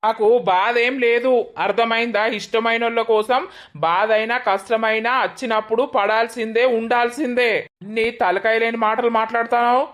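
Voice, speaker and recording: A woman's voice: fairly high pitch, flat delivery, brisk, a bit bright, close to an everyday voice. Woman voicing a hot-tempered young village man. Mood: angry. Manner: curt, angry outbursts.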